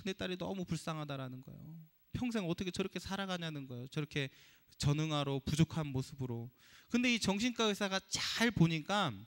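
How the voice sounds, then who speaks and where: A man's voice: a little high, fairly bright tone. A pastor preaching a sermon to his congregation, asking them rhetorical questions as he goes. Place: church sanctuary. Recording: long reverb of a church hall.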